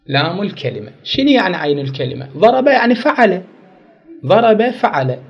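A man's voice: sits high, big pitch swings, fairly quick, soft background music. A man teaching an Arabic grammar lesson, repeating key words and quizzing his class with questions. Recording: dull lo-fi recording.

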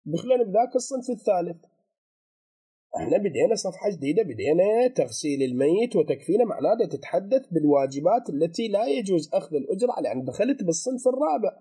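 A middle-aged man lectures on religious law in a seminary. His voice sits a little high for a man yet sounds dark and husky. He works through the text patiently, repeating terms and trailing off before restarting. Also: very animated, quick pace.

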